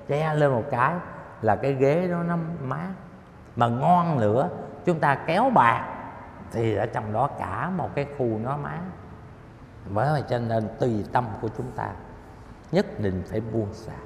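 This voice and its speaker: A man giving a colloquial, emphatic Buddhist dharma talk, telling stories with drawn-out filler particles. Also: expressive, creaky. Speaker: Buddhist lecturer. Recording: echoey hall with faint rumble.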